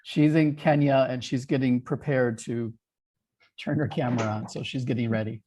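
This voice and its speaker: An American man hosting a casual online English conversation, relaxed and friendly, patiently asking questions over a video call. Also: mid-range voice, normal speed, a little hiss or hum. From United States.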